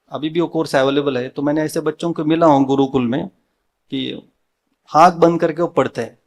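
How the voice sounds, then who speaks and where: A man with an Indian accent giving a devotional Sunday sermon in a temple hall, mixing in English words and asking his listeners questions that he answers himself. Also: on the high side. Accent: Indian, mixing Hindi with English words. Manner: asks the audience questions and answers them himself.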